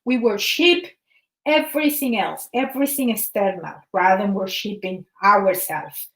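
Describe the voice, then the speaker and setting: A woman's voice: mid-range voice, fairly bright tone, roomy sound, rough recording. A woman from Venezuela, a wellness practitioner speaking earnestly about her views, often repeating words while searching for the right phrasing. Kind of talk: impassioned personal talk.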